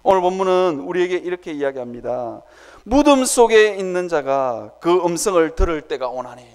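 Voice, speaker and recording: A man preaching a sermon in a church sanctuary, telling his story in an animated way and acting out his own prayers. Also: high-pitched, moderate pace, clean tone. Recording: reverberant church hall.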